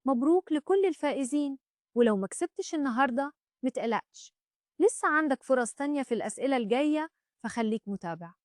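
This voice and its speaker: A woman's voice: high-pitched, expressive, quick pace, no echo, clean studio sound. A woman with an Egyptian accent presenting a scripted promotional message for contest followers.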